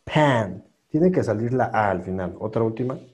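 Male English teacher, low and warm, drilling pronunciation over a call. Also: lively intonation. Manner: patient, repeats sounds slowly and stresses them. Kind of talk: online class, coaching students one by one.

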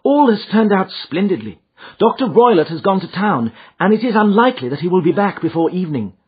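A man voicing an anxious, eager young Victorian gentlewoman in an audiobook, with an earnest, polite manner. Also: high voice, very animated, a little fast, breathy edge, voice pushed up, full character voice. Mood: eager, relieved. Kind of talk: audiobook character dialogue. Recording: muffled, thin phone-like audio.

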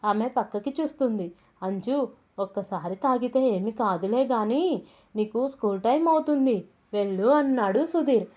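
A woman narrates a scripted family story in a gentle, even storytelling voice. Her voice sits a little high but sounds soft and mellow rather than bright, and she speaks the characters' lines without changing into different voices. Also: moderate pace.

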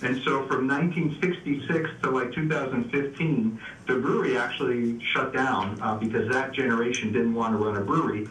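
A man's voice: medium pitch, fairly quick, fairly bright tone. A man contributing beer news to a radio show. He talks in a casual, easygoing way and often stops to say "uh" and restart. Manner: easygoing, explains with frequent "uh" and restarts. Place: remote call into a radio show. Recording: echoey, distant, faint background noise.

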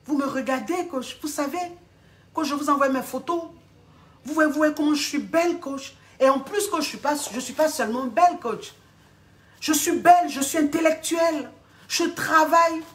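A woman's voice: sits high, a bit bright. A woman playing a vain, self-pitying young female client who keeps pleading and calling out "coach". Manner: whining, pleading, repeats "coach" constantly.

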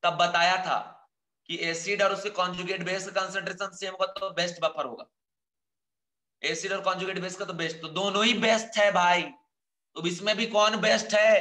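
A man teaching chemistry in an online exam-prep lecture, chatty and coaxing, a bit unwell and slower than usual. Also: high-pitched, fairly even intonation, sharp tone, echoey room, low-quality recording. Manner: chatty, scolding yet encouraging, addresses students as kids. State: unwell, speaking slower and softer.

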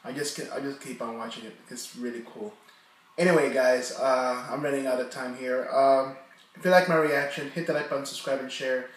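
A man's voice: mid-range voice, steady tone, fairly quick. A man hosting a reaction video, chatting casually and rambling, with many fillers and restarts. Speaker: reaction channel host. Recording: echoey room, distant from the mic.

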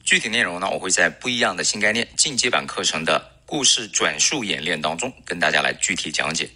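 Male English teacher, native Chinese speaker, deep bright voice, drills pronunciation with slow, drawn-out repetition. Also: expressive. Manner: explains slowly, models English words with drawn-out repetition. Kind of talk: recorded pronunciation lesson.

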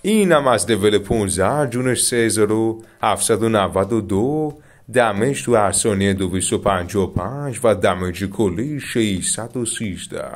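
A man with an Iranian Persian accent giving chatty, excited commentary on a mobile game, often addressing his viewers as dear friends. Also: on the low side. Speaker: gaming YouTuber. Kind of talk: casual gameplay commentary.

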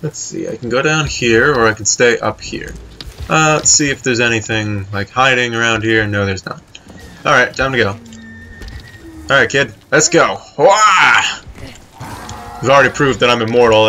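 A man's voice: mid-range voice, moderate pace, bright, forceful tone, slight background noise. A man giving casual, chatty commentary while playing a video game, swearing freely and talking to the game character. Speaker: let's play host.

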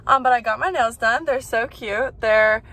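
A twenty-year-old female vlogger chats upbeat to a phone camera held at arm's length, in a car and a bedroom. Her voice is on the high side, bright and pushed, at a moderate pace, and her casual talk is full of fillers.

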